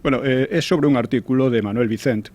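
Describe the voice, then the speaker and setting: Older male commentator, halting delivery, mid-pitched voice. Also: a little mellow. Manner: hesitant, with frequent restarts and tag questions. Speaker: historian guest commentator. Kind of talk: conversational radio commentary.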